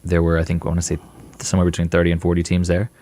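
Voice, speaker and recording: A young man being interviewed as a filmmaker guest, answering in a relaxed, rambling way with fillers. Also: deep voice, rapid-fire.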